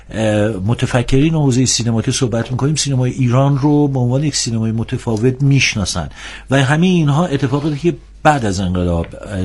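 A man in a TV studio panel discussion, talking at an ordinary pitch for a man. He is earnest and critical. He pauses often and stretches his filler sounds while he gathers his thoughts. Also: a little mellow. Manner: hesitant, with many drawn-out filler sounds. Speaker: guest on a discussion show.

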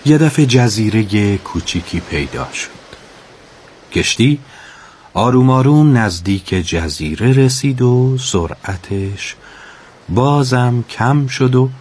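A man narrating a storybook tale in a calm, measured way with dramatic pauses. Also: on the low side, no echo.

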